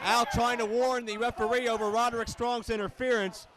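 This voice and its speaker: A man's voice: very high voice, flat delivery, brisk. A man working as a wrestling play-by-play commentator, calling the match live in emphatic, clipped phrases. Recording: noisy arena recording.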